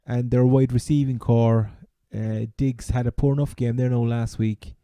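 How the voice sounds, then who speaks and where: A man's voice: medium pitch, flat delivery, moderate pace, dark tone, dry recording, clean studio sound. A man with an Irish accent from Cork, co-hosting a casual chat about sport. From Ireland. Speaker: sports podcast co-host.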